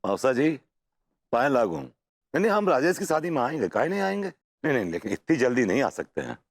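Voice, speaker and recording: An actor in a TV sitcom playing a man who bluffs and scolds with animated talk. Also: mid-range voice, brisk, no echo. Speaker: sitcom character. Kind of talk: TV sitcom acting.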